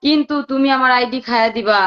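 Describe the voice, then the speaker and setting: A woman's voice: sits high, quick pace. Chatty woman on dull lo-fi audio. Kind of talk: casual live chat.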